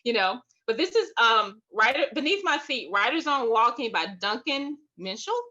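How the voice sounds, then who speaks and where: A woman's voice: a little high, expressive, moderate pace, pushed and bright, dull audio. A woman leading an online writing workshop, encouraging, repeating phrases and laughing often. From Alabama, US South. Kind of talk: guided online workshop teaching. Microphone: video call.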